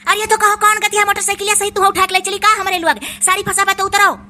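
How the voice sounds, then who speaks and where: A woman's voice: extremely high pitch, little pitch movement, quick pace, bright, forceful tone, a little hiss or hum, heavily acted. A woman voicing a bossy village man in a cartoon, speaking with an Awadhi accent and urging others on. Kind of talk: cartoon voice acting.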